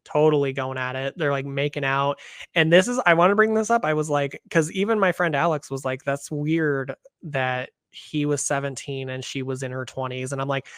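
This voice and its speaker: A man co-hosting a podcast in casual chat, talking fast with lots of fillers and quoting others in little acted voices. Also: medium pitch, a bit bright, smooth, no room sound. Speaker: podcast co-host.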